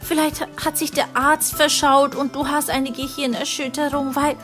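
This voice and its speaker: A woman voicing a doting, worried mother in a kids' animated story. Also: high-pitched, moderate pace, faint music behind. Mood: fretful. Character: fussy caring mother.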